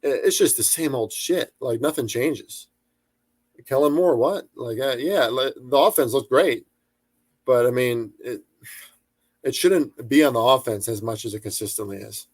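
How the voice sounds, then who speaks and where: A man's voice: medium pitch, a little slow, husky, no echo, clean studio sound. A young man giving loose, profane sports betting commentary, full of fillers, restarts and chatty asides.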